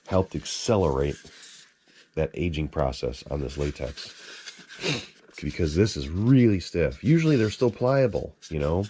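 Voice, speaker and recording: A man's voice: low voice, dark tone, slight background noise. A man collector talking casually in a blunt, exasperated way and swearing freely. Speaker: mask collector. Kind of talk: casual vlog ranting.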